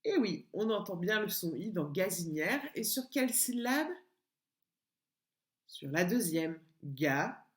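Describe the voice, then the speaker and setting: A woman teaching a home-schooling lesson to young children, speaking slowly and stretching out sounds in a sing-song way. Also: mid-range voice, animated. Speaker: kindergarten teacher. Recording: echoey room.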